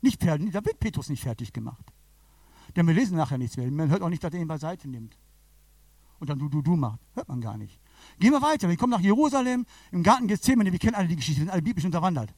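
Lively preacher, dry close sound. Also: male voice, on the high side, quick pace, no echo. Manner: animated, colloquial, acts out the Bible figures. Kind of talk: sermon.

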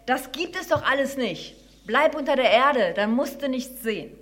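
A woman voicing a stubborn, grumpy male mole in a children's story, talking in a gruff, grumbling way. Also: a little high, animated, normal speed, a bit bright. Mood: scornful.

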